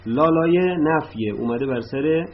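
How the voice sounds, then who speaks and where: A man teaching an Arabic grammar lesson, patiently explaining and reciting verb forms in drills, with "uh" pauses between points. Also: a little high. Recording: slightly dull lo-fi recording with faint noise.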